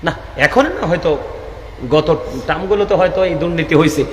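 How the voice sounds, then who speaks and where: A man delivers a rhythmic, impassioned sermon in a high voice. He keeps calling out to the crowd to answer him. The sound rings with the echo of a large room. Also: brisk. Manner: calls out to the audience for responses; rhythmic, impassioned preaching with regional dialect asides. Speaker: preacher. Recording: echoey hall sound.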